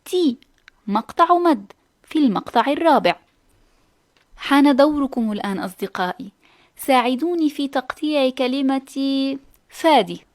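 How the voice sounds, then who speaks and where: A woman hosting a scripted children's lesson, speaking clearly and encouragingly. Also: sits high, lively intonation, normal speed, pauses often. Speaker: teacher host.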